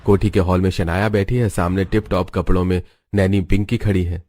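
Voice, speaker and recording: Deep-voiced male story narrator. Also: little pitch movement, a little fast, mellow. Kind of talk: scripted narration.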